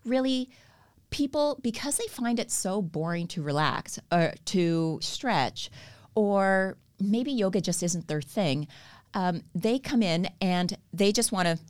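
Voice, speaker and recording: In a podcast interview, a Canadian-accented woman who teaches stretch therapy talks earnestly about her work, with ready laughter. She has a medium-pitched voice with lively intonation and an unhurried pace.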